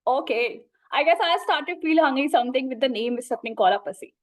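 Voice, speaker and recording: A woman's voice: high-pitched, animated, fast talker. An effusive, wordy woman with an Indian accent, hosting a podcast interview. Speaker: talk show host.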